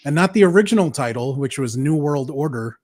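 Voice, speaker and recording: A man's voice: on the high side, expressive, fairly quick, a little mellow. A man hosting a live review show, chatty and joking, laughing now and then. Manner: chatty, laughs often, jokes. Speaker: podcast host. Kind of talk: casual livestream chat.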